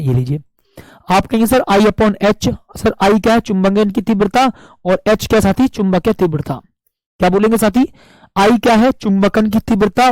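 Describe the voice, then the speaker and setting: A man teaching a live online physics class with a sore throat, speaking slowly and drilling students with repeated questions and answers. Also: high-pitched, darkish tone, no room sound, low-quality recording. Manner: asks viewers to comment answers.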